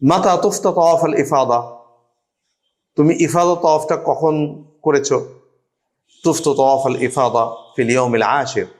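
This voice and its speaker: During a teacher-training lecture, a man with a mid-range voice reads Arabic phrases aloud and explains each one, pausing and using fillers.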